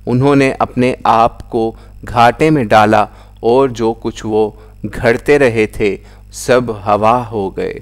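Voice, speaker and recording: A man reading a scripture translation aloud in a solemn, measured recitation, lifting his voice into raised declamation at the quoted cries. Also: medium pitch, steady tone. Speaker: Quran translation reader.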